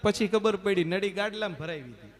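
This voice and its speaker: A man telling folk jokes on stage in a lively manner. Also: high-pitched, fairly quick. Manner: lively joke telling with acted voices, stammering bits for laughs. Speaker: folk storyteller and comedian. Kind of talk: Gujarati folk comedy storytelling on stage.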